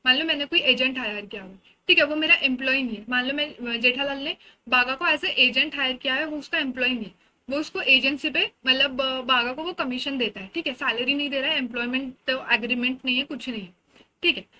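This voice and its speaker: A woman's voice: high-pitched, brisk, bright, forceful tone, low-quality recording. A woman with an Indian accent giving an exam-oriented lecture, explaining in a conversational way with everyday examples. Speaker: teacher.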